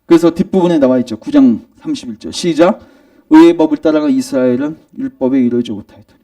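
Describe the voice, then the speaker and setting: A man's voice: medium pitch, expressive, fast, mellow, recorded from a distance. A male pastor preaching a sermon, questioning the congregation and answering himself, pressing his points with emphasis. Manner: emphatic, rising in argument. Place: church sanctuary.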